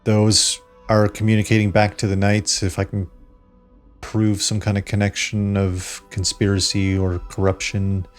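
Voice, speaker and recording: A man narrating a tabletop role-playing game as game master, improvising exposition in a halting way. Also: fairly low pitch, monotone. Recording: background music under the voice.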